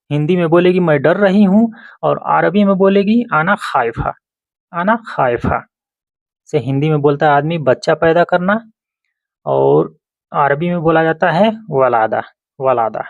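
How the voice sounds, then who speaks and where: Slow-talking man teaching word by word. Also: on the high side, no echo, dull audio. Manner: repeats each word slowly, Hindi then Arabic. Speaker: Arabic teacher. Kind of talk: vocabulary lesson.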